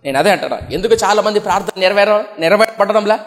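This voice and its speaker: A man's voice: sits high, fast talker, faint music behind. A young man from India preaching a sermon, often asking the congregation questions and acting out comic quotes. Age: young adult. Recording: long hall reverb.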